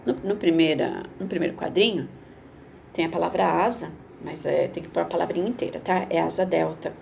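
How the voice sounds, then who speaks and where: A woman's voice: lowish voice, gravelly, a little mellow, slight background noise. A woman teacher, reading a schoolbook aloud and explaining it patiently to young children. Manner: patient, explains slowly, repeats words for children.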